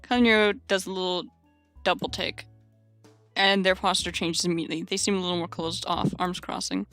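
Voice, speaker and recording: A young woman streamer reading a game aloud with excitable commentary and loud outbursts. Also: fairly low pitch, fairly quick, no room sound, soft background music.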